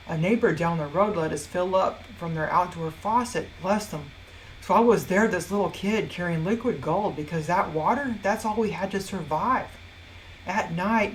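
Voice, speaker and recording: A woman's voice: on the low side, slight background noise, low-quality recording. Wry woman telling a personal story. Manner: wry, self-mocking humor with dramatic swings. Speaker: motivational speaker and blogger.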